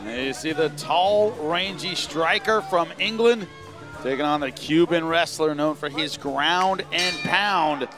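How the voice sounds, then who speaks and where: A man's voice: on the high side, a little slow. A man giving live play-by-play sports commentary on a fight. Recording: crowd and music behind. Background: crowd and music.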